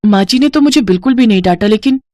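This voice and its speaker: A woman's voice: on the high side, animated, fast, mellow, no room sound, studio quality, voice pushed up, lightly acted. A woman voicing a timid young bride in a storybook, speaking in a pleading, fearful way. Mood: earnest.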